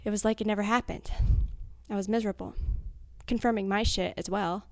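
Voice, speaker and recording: Blunt, gravelly young woman, dry close sound. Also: medium pitch, fairly even intonation, fairly quick, a little mellow, dry recording. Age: 20s. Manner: blunt, frank, swears freely. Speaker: anonymous interviewee. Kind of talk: candid recorded interview, cut into fragments.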